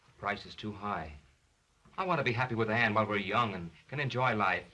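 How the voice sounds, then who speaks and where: A man's voice: fairly low pitch, lively intonation, brisk, sharp tone. An actor playing a weary, earnest young heir who is exasperated with his controlling family, in a 1930s film melodrama. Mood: frustrated, pleading. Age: young adult.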